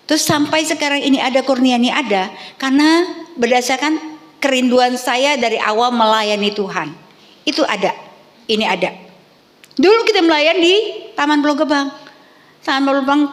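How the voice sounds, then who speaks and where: Middle-aged lady pastor preaching, kinda high voice, big echoey church hall. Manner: animated storytelling, asks the congregation questions. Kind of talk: sermon. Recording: echoey hall with long reverb.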